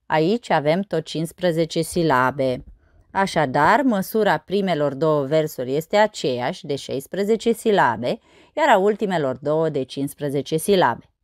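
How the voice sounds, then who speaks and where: A woman teaching a school lesson in scripted narration, reading verse out slowly and counting the syllables. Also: low-pitched, lively intonation, no room sound, clean studio sound.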